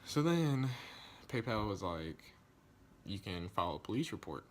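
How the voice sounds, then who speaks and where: A young man telling a casual storytime vlog, slangy and animated, acting out the quoted lines. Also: measured pace, a little hiss or hum. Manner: animated, acts out quoted lines, rises in pitch when indignant; loose slangy speech with many likes and restarts. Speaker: vlogger.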